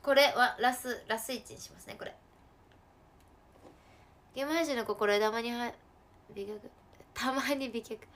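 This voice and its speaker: Chatty woman streaming a game, slightly high voice. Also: a little slow, long pauses. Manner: chatty, laughing often, with sudden loud outbursts. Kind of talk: casual live-stream chat while gaming.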